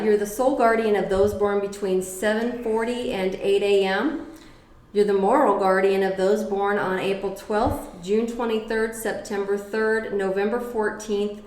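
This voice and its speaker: A woman's voice: mid-range voice, a little mellow, reverberant, low-quality recording. A middle-aged woman giving a casual tarot reading, blunt and profane, with emphatic repetitions. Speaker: tarot reader.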